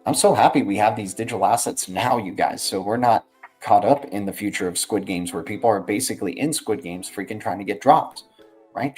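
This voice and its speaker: A man's voice: lowish voice, a little mellow. A man hosting a livestream with casual, slangy market commentary, rambling along and tagging phrases with "right" and "man". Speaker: livestream host.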